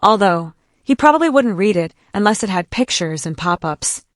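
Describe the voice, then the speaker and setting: A woman with a mid-pitched voice delivers scripted commentary as a host. She sounds mocking and incredulous, recorded dry with no room sound. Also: animated, normal speed, dry recording.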